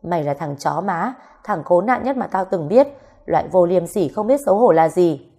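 A woman voicing a hot-tempered young woman who shouts angry insults at a jealous suitor. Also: on the low side, animated, normal speed. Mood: shouting.

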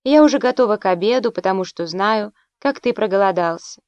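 A young Roman noblewoman, tender yet jealous and on the edge of tears, as read by a woman narrator in an audiobook. The voice is smooth and clear. It is recorded dry and close. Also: mid-range voice, expressive, brisk, a little mellow, dry recording, highs cut off, natural voice.

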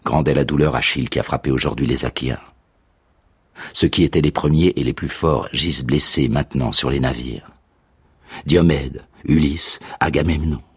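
A man's voice: very deep voice, moderate pace, husky, exaggerated voice. A man voicing an anguished young male warrior who pleads urgently, in a radio drama. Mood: pleading.

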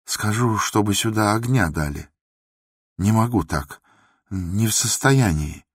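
An actor plays a timid aging male doctor, trembling and pleading in a husky, lowish voice. It is a radio drama recorded close and dry. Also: lively intonation, measured pace, dry recording. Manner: pleading, shaky.

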